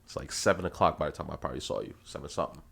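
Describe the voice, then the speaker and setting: A man's voice: rumbling low, very fast, vocal fry, a bit bright. A man in his thirties co-hosting a podcast, telling a story in casual, profane chat and laughing as he goes. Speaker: podcast host.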